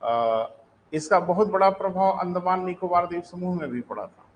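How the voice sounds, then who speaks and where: A male teacher in a live online class, his voice sitting a little high. He talks to his students in a chatty way, calling them "beta" and repeating sentences slowly for note-taking. Faint background noise runs underneath. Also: lively intonation, poor audio. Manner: explains then repeats sentences slowly for dictation; addresses students as "beta", conversational asides.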